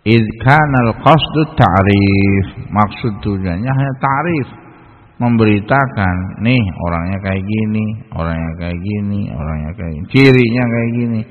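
A man giving a religious study lecture as an Islamic preacher, explaining with everyday examples and Arabic quotes, his pitch jumping high for emphasis. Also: measured pace. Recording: tinny phone-like lecture recording with long reverb.

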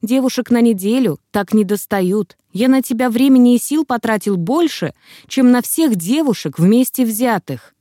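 A woman reading a hoarse, gruff sick young man. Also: fairly high pitch, animated, moderate pace, dark tone, dry recording, clean studio sound. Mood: hoarse reproachful. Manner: gruff, grumbling, hoarse from illness. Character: stubborn feverish young male student. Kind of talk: audiobook character reading.

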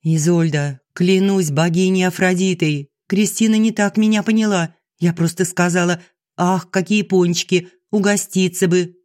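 A man's voice: high-pitched, fairly even intonation, moderate pace, a little mellow, pitched above the performer's own voice, close to an everyday voice. A man doing a cheeky, teasing young woman. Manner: teasing, mocking.

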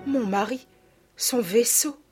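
A woman's voice: a little high, slow pace, a little mellow, husky, faint music behind, voice pushed up. Kindly noble lady, read by a woman, earnest, emotional, slightly raised voice, storybook reading. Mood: moved, urgent. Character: kind, emotional aristocratic lady, a mother.

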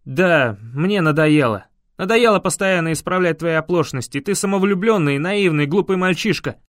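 A man voicing a bitter, desperate young male cousin who shouts accusations in an audiobook. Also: on the high side, expressive, drawn-out words, no echo, clean studio sound, full character voice.

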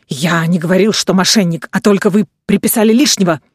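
A woman's voice: fairly low pitch, fairly quick, darkish tone, breathy edge, no room sound, studio quality. A woman reading the part of a nervous, desperate male naval officer, with a ringing, agitated, faltering voice.

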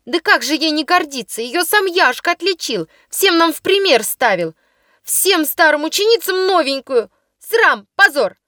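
A woman voicing a reckless, mischievous schoolgirl who shouts indignantly. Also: very high voice, expressive, unhurried, no room sound, clean studio sound, voice pushed up, full character voice.

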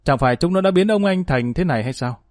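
A man's voice: on the high side, lively intonation, quick pace, darkish tone, no room sound, pitched above the performer's own voice, close to an everyday voice. A man voicing a sly, cruel male gang boss who taunts with false politeness, recorded dry. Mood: smug taunting.

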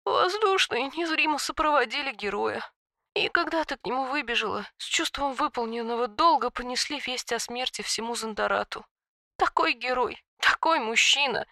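A woman voicing a grieving female dragon who speaks in hushed, tearful, theatrical tones. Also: mid-range voice, moderate pace, dry recording, clean studio sound, lightly acted.

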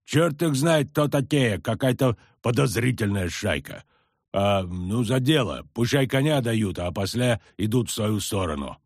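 A man voicing a hostile, bristly peasant man who shouts in rough rustic speech, read in an audiobook. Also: fairly low pitch, expressive, a little slow, no room sound, studio quality.

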